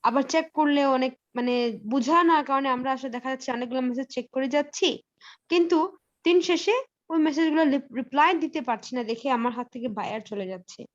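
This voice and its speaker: High-voiced woman teaching a live class. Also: fast. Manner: mixes English phrases into explanations, many fillers. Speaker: English teacher. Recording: slightly dull lo-fi audio.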